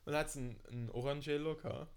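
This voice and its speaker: A man's voice: on the high side, quick pace, clean tone. Laughing Swiss German storyteller man. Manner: lively storyteller, mimics voices, laughs often. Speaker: podcast co-host. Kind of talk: casual storytelling chat.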